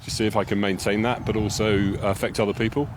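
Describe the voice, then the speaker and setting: A man talking quickly and cheerfully as he walks outdoors. His voice sits a little low, and he tells his stories in a chatty, upbeat way. Faint street ambience runs behind him. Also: flat delivery, background noise. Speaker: podcast co-host. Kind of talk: casual walking conversation. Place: outdoors on a walk.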